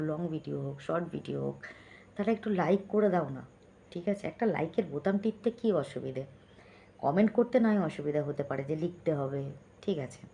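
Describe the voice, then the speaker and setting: A woman talks softly and close to her phone, keeping her voice down at home late at night. Her voice is low and mellow, and she chats warmly with viewers, often asking if they follow. A faint hiss sits behind her. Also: gravelly. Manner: speaks softly and close to the phone so as not to wake others; chatty, keeps checking in with listeners. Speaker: vlogger. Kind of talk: late-night vlog outro, reading viewer comments. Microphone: phone held close.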